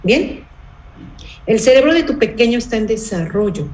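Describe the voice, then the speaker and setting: A woman runs a parenting workshop, explaining patiently and often checking in with rhetorical "¿sí?" and "¿bien?". Her voice is a little high and darkish, with big pitch swings and a moderate pace. The recording is roomy and low quality.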